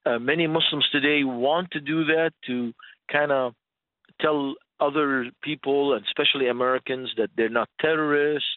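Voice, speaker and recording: Speaking English as a second language, a radio guest teaches in a conversational way and asks rhetorical questions. He has a medium-pitched, steady voice at normal speed, with no room sound and a narrow, tinny, phone-like line.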